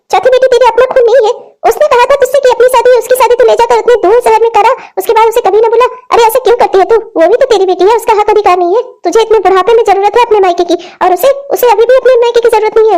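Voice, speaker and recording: A woman's voice: very high voice, a little mellow. A woman voicing an elderly cartoon grandmother who lectures her family and scolds her daughter. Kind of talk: cartoon dialogue acting.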